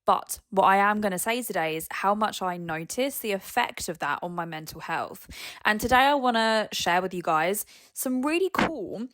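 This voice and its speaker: A woman's voice: medium pitch, fairly bright tone. A woman hosting a solo podcast, chatting casually and candidly to listeners in a cheeky, emphatic, sweary way. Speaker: podcast host and nutritionist fitness coach.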